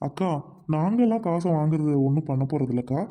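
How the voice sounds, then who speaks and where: A man with a Tamil accent, gruff and dismissive in a comic skit. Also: a little high, lively intonation, quick pace, dark tone. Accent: Tamil Nadu Tamil. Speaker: skit actor.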